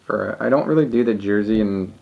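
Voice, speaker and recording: A man showing his baseball cards in a relaxed, rambling video, tired late at night with lots of ums. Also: on the low side, brisk, creaky. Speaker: sports card collector showing his cards. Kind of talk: casual solo video. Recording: dull lo-fi home recording.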